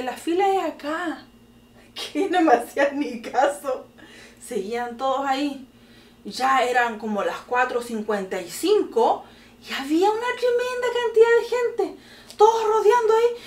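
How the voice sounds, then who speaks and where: A middle-aged Chilean woman tells a story in a high, bright voice, bursting into laughter and exclamations along the way. She sounds a little distant from the mic, in an echoey room. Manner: animated, laughing often, exclamatory. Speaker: podcast host telling a story to her daughter. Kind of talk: casual storytelling chat.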